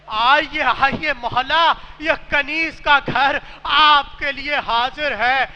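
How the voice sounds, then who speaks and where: A man preaching a mourning sermon, telling a sad story softly and then rising into loud, wailing cries. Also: extremely high pitch, steady tone, highs cut off. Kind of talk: majlis sermon, recited with rising lament. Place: large mosque hall. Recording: echoey hall with faint noise.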